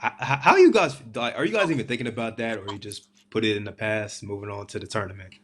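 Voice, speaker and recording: Low-voiced man hosting a casual sports interview. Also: fast, slight background noise. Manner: informal slangy phrasing. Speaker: sports talk show host interviewing a player.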